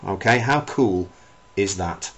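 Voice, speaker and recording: A man's voice: deep voice, takes it slowly, fairly bright tone, low-quality recording. Theatrical male magician delivering showy patter. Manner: showy, addresses a spectator, repeats phrases for emphasis. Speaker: card magician. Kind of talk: theatrical magician's patter while demonstrating card tricks.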